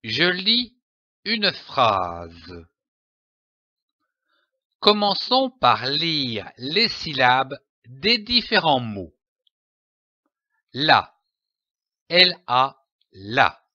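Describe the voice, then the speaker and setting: A man leads a slow pronunciation lesson, sounding out each letter and syllable with great care. His voice is bright and swings widely in pitch. The close voice-over is dry, with a slightly dull, lo-fi sound. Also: huge pitch swings, no room sound. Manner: spells out letters and syllables one by one. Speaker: French pronunciation teacher.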